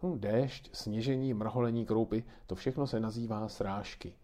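Muž hrající laskavou babičku, trpělivě vysvětluje dětem, tlumený hlas, pohádková kniha. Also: male voice, lowish voice, steady tone, close to an everyday voice. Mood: patiently explaining. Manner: patient, gently explaining. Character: kindly grandmother explaining weather to children.

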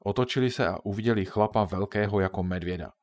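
Male audiobook narrator, low voice, calm even storytelling.

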